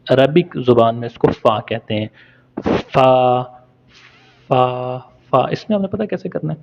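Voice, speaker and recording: A man's voice: mid-range voice, animated, quick pace, gravelly, a little mellow. A man teaching Arabic letter pronunciation in a spoken lesson, patiently stretching out each sound for practice. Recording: dull lo-fi recording.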